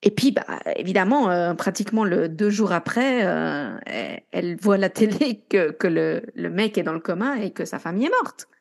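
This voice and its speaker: Young woman podcast host, gravelly edge, chatting through a true crime story. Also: lowish voice, expressive, moderate pace, few pauses. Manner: chatty, retells events with quoted dialogue.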